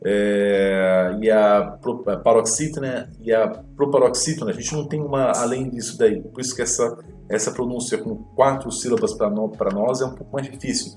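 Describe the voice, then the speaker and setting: A man teaching an exam walkthrough lesson, explaining slowly and repeating words to model their pronunciation. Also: mid-range voice, a little mellow, reverberant, faint music behind. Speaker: English teacher.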